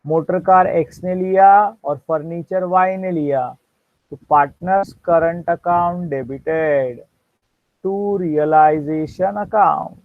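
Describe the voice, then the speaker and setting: Indian male accounts teacher, slightly high voice, unhurried dictation, quizzes the class, narrow dry recording. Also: fairly even intonation, dry recording. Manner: dictates entries slowly, quizzes students. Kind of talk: classroom lecture mixing Hindi and English. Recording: dry, tinny phone-like sound.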